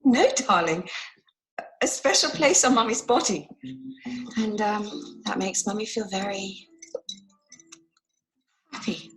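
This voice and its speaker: An actress playing a gentle mother who slowly and awkwardly explains the facts of life to her small child. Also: mid-range voice, faint music behind, low-quality recording. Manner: slow, patient, hesitant and softly awkward. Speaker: mother in a film scene.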